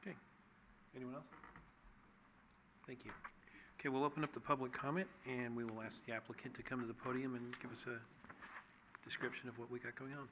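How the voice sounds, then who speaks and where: A man chairing a public meeting moves things along with short procedural lines. His voice is flat and even, at a middle pitch. The recording has clear background noise. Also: brisk, pauses often. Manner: brief, procedural. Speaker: commission chair.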